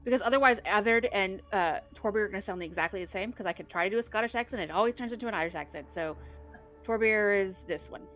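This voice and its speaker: A woman's voice: mid-range voice, fast talker, fairly bright tone, faint music behind. Rambling woman narrating as game master. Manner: loose, rambling, many restarts.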